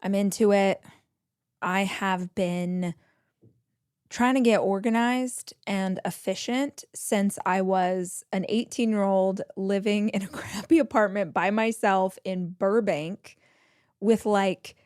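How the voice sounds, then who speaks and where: A woman's voice: mid-range voice, slow pace, darkish tone, smooth, dry recording, studio quality. Bubbly, chatty woman podcast host. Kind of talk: casual solo podcast talk.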